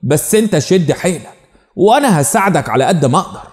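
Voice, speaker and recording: A man's voice: a little high, animated, quick pace, lightly acted. A man voicing a kindly, jovial middle-aged doctor with an Egyptian accent in a spoken story, fatherly in tone. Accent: Egyptian Arabic. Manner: warm, fatherly. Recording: long reverb.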